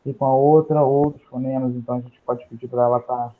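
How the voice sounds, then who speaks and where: A man's voice: mid-range voice, little pitch movement, a little fast, phone-quality sound. A man with a Brazilian Portuguese accent adding to a class discussion in an agreeable, explanatory way. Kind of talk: casual discussion.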